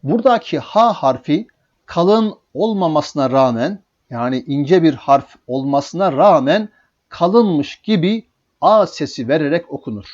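A man teaching a beginner lesson on reading Arabic letters, drawing out each syllable in slow drills and explaining rules calmly step by step. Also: a little high, dull audio. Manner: slow, drawn-out syllable drills with sung-up vowels. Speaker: Quran teacher.

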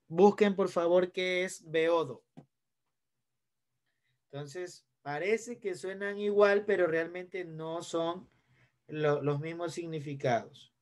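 High-voiced Ecuadorian man teaching a class. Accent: Ecuadorian Spanish. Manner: explanatory, asks students questions. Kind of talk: online class lesson.

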